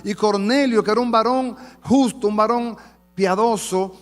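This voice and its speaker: A pastor preaching a fervent sermon to his congregation in a church, addressing them warmly as beloved. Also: high voice, normal speed, soft background music. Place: church sanctuary. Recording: long church hall reverb.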